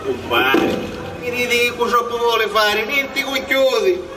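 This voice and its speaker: A man acting a mocking, sceptical village crony in a stage comedy, needling and animated, in Sicilian dialect. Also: extremely high pitch, takes it slowly, crowd noise, full character voice. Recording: echoey theatre stage, distant mic, audience.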